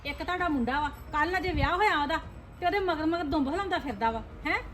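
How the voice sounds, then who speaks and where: A woman playing a scheming, complaining mother-in-law in a family drama, sharp-tongued and muttering plans to herself. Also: high-pitched, fast. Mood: quarrelsome. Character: scheming, nagging middle-aged mother-in-law.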